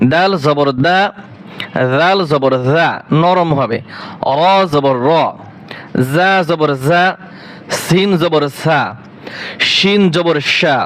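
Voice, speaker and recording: A man teaching Quran reading, chanting each Arabic letter with its vowel sign in steady, drilled repetition. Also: on the high side, rough recording. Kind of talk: slow drilled recitation lesson.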